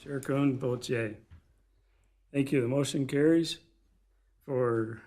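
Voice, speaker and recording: A man with a measured, gravelly delivery, speaking formally as the chair of a commission meeting. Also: mid-range voice, darkish tone. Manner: measured, procedural. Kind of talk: formal procedural meeting talk. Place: public meeting room.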